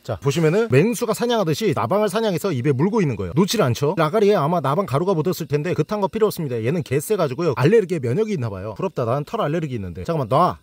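Husky young guy hunting bugs outside, fast lively chatter, teasing the critters. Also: fairly high pitch, no echo. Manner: playful, teases and scolds the bugs. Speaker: creature-hunting vlogger. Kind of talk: casual outdoor vlog narration.

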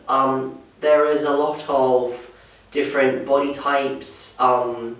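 A man's voice: medium pitch, fairly bright tone. Young man in an echoey room. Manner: hesitant, with many fillers. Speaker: interviewee. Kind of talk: casual vox pop answer. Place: small indoor room by a door. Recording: echoey room, distant mic.

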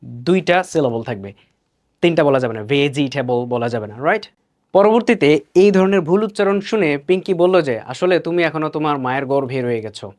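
A man with a Bangladeshi accent teaching English pronunciation, explaining each word and repeating it slowly. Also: on the high side, darkish tone. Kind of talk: explanatory lesson.

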